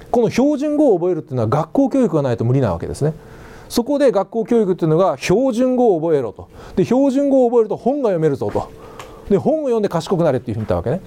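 A man's voice: sits high, mellow. A middle-aged man lecturing on English education in a chatty classroom style, often asking the class rhetorical questions.

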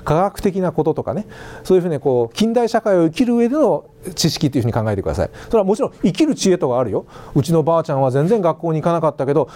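A middle-aged male lecturer gives a relaxed, conversational class, throwing rhetorical questions at his students. His voice sits a little high and swings up and down a lot. The tone is mellow and dark. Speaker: university lecturer in English education.

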